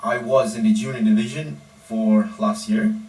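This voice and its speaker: A man, a powerlifting coach giving a measured, deliberate personal monologue in short phrases. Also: mid-range voice, fairly even intonation, darkish tone. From Indonesia. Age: 20s. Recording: roomy echo, distant mic, faint background noise.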